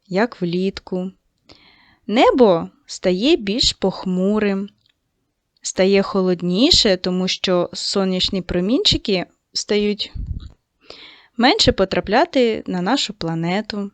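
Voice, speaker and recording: A woman teacher giving a video lesson to second graders, speaking slowly and patiently and addressing the children directly. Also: mid-range voice, no echo. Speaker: primary school teacher.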